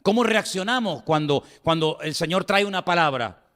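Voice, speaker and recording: A man's voice: high voice, expressive, moderate pace, fairly bright tone, long reverb tail. A man with a Spanish accent from Spain preaching a sermon. He speaks with emphasis, repeats phrases and puts rhetorical questions to the congregation. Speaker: pastor.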